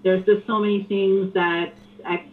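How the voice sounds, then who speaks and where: A woman calling in to a radio show, speaking softly and earnestly with frequent pauses. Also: medium pitch, level tone. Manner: soft-spoken, earnest, halting. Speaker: caller. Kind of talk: call-in phone conversation. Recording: tinny phone line with hiss.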